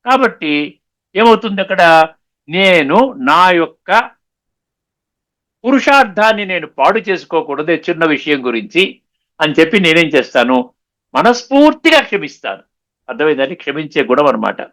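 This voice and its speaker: A man giving a spiritual discourse, explaining patiently, slowing down on key sayings and often checking that listeners understood. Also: on the high side, very animated, a bit bright. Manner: mixes English words into his talk; repeats and slows down on key sayings. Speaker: spiritual lecturer.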